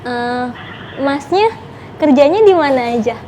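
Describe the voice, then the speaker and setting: A woman's voice: sits high, expressive, measured pace, warm tone, a little hiss or hum, poor audio. A young woman with a Jakarta Indonesian accent, chatting casually in a playful, teasing vlog style. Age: young adult. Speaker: vlogger making prank calls.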